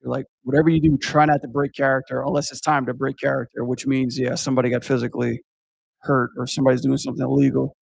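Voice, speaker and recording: A man's voice: medium pitch, level tone, fast talker, gravelly, husky, dry recording, poor audio. A man talking in a loose, rambling way, swearing often and leaning on fillers like "like" and "you know.". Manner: rambling, profane, heavy use of filler words. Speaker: podcast guest recounting a haunted house job. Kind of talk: casual chat.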